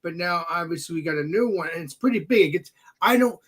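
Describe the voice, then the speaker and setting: Male, high-pitched, excitable, informal conversational delivery with emphatic repetition. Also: brisk. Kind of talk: casual chat.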